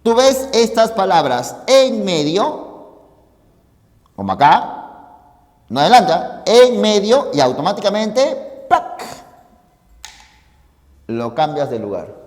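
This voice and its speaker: A Peruvian-accented man lecturing a class, his voice high and swinging widely in pitch. He talks unhurriedly and keeps checking that students follow along. The room adds a long echo. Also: sing-song, slow pace, long pauses, a little mellow. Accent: Peruvian Spanish. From Peru. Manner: emphatic, asks students for agreement often. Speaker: teacher. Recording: hall reverb in classroom.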